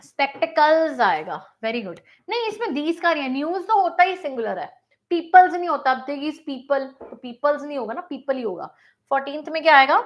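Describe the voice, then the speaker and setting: A woman with an Indian English accent teaching a live online grammar class, mixing Hindi and English, reading each sentence slowly, then explaining quickly. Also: high voice, big pitch swings, dull audio.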